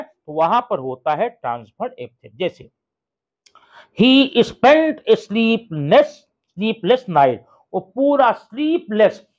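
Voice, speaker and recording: Grammar teacher, talks slow, voice jumps all over, kinda dull lo-fi sound. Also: mid-range voice. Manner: repeats examples slowly, asks and answers own questions. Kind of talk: explanatory video lesson. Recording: dull lo-fi recording.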